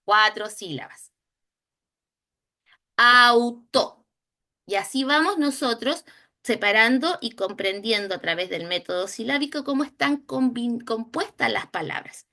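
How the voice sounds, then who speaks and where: A Chilean woman teaching a recorded training lesson on early reading, slowly sounding out letters and syllables. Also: fairly high pitch, animated, bright, forceful tone. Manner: slow, drawn-out modeling of sounds and syllables. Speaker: instructor.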